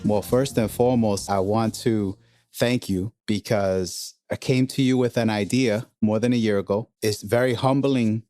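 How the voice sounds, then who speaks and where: A man's voice: on the low side, a little mellow, dry recording, clean studio sound. A man hosting a podcast, speaking earnestly and dropping in Spanish phrases as he introduces his guest. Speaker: podcast host. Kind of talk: scripted podcast introduction and interview.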